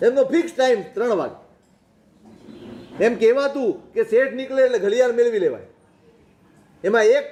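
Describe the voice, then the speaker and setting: A man preaches a sermon in a notably high voice, working through anecdotes and pointed rhetorical questions. His voice rings with the echo of a reverberant room. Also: darkish tone. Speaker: Jain monk preacher. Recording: roomy echoing recording.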